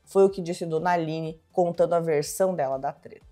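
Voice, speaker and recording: A woman's voice: low voice, a little fast, mellow, faint music behind. A woman hosting a chatty, dramatic reality show gossip recap. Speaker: host.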